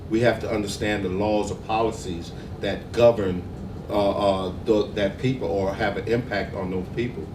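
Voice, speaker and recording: A man speaking earnestly as a law student and activist on a panel, pausing often with fillers. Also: fairly low pitch. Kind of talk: panel discussion. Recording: roomy, distant, noisy.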